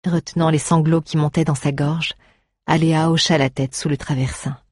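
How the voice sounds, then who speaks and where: A narrator reading a story aloud in a measured, gently emotive way. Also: medium pitch, flat delivery, dry recording, studio quality. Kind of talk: scripted audiobook narration.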